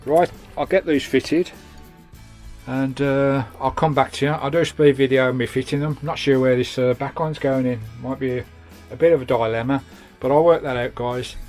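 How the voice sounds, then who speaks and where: Soft music plays behind a mid-range, slightly mellow male voice with fairly even intonation at normal speed. He's a UK vanlife vlogger with a British accent, chatting casually and using British slang as he gives a hands-on tour of his campervan and talks through the fitting work.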